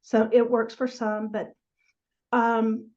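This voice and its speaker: Southern woman, fairly high, even-toned. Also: slow, dull audio. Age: middle-aged. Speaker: guest, practice transition advisor. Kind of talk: casual interview chat. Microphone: video call.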